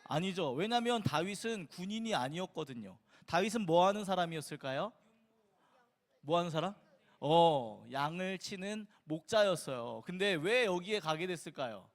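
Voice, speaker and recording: A man preaching to children in a church sanctuary, playful and full of questions for his young listeners. His voice sits high for a man. The hall gives it a long, ringing reverb. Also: expressive, moderate pace. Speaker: children's pastor. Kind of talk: children's sermon.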